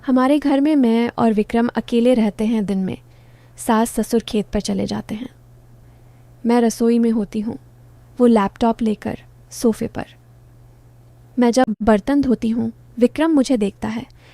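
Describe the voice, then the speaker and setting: Soft-voiced woman telling a story. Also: fairly high pitch, steady tone, measured pace, creaky, long pauses, dry recording. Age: 20s. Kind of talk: first-person story narration.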